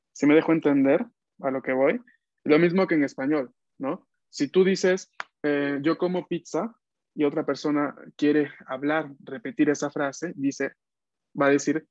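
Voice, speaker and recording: Man teaching an online class, slightly high. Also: darkish tone, no echo. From Peru. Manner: patient, checks understanding often. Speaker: language teacher. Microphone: computer mic on a video call. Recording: dull video-call audio.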